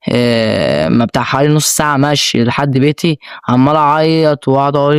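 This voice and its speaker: Young Egyptian male vlogger, slightly high voice, emotional and rambling, restarting often. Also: clean tone, no room sound, studio quality. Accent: Egyptian Arabic. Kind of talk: personal storytelling.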